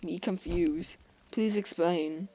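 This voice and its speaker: A woman's voice: fairly low pitch, slow pace, warm tone, low-quality recording. A woman putting on a glitching, malfunctioning robot voice, repeating clipped error phrases during playful gaming chat. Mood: mock malfunction.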